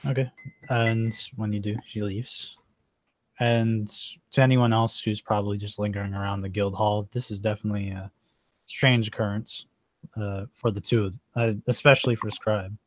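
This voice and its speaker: Give me a halting game master man with a low voice and a muffled, dry recording. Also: flat delivery, slight background noise. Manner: halting, with many fillers. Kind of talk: narrating a tabletop game.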